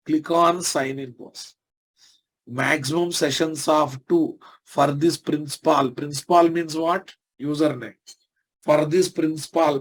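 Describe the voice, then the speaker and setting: A man with a Telugu Indian accent and a slightly higher-pitched voice teaches programming. His manner is informal and conversational, as an instructor in a live lesson. He regularly speaks straight to his listeners and poses checking questions.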